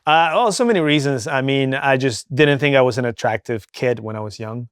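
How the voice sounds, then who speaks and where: A man's voice: medium pitch, brisk, clean tone, dry recording, clean studio sound. A young man from Venezuela with no accent, talking candidly as an interview guest, chatty and full of fillers. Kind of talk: casual interview talk.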